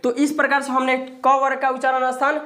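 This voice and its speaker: A woman's voice: high voice, flat delivery, quick pace, a bit bright. A woman teaching a grammar lesson to viewers, patient, saying each sound aloud and asking the listener questions.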